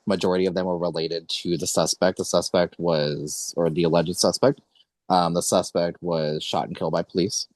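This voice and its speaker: A man's voice: deep voice, level tone, normal speed, no echo. A man in his late twenties hosting a podcast, talking in an earnest, rambling way and correcting himself often. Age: 20s. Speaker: podcast host. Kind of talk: casual podcast conversation.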